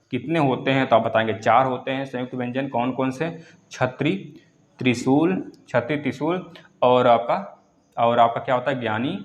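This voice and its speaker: A man's voice: mid-range voice, dull audio. A male teacher giving an online exam-prep lesson, explaining step by step and repeating key terms for students to write down. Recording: echoey room.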